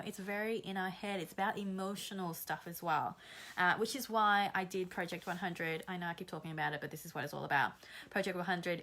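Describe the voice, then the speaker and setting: Slightly hoarse from a recent flu, a woman with a somewhat low yet fairly bright voice coaches her live stream viewers on creativity. She is energetic and blunt, urging them to show up and do the work while staying encouraging.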